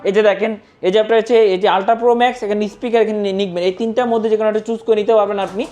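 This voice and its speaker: A Bangladeshi salesperson giving a hard-sell promotional pitch for products in an insistent, repetitive, urging manner. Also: fairly even intonation, rapid-fire, darkish tone, muffled recording. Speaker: phone shop salesperson.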